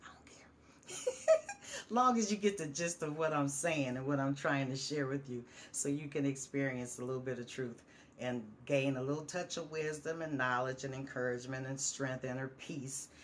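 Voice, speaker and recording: A woman's voice: rumbling low, steady tone, normal speed, slight background noise. A woman vlogger reading her own stories and inspirational writing aloud in a heartfelt, encouraging way, repeating phrases and sometimes stumbling on words. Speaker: storyteller and vlogger.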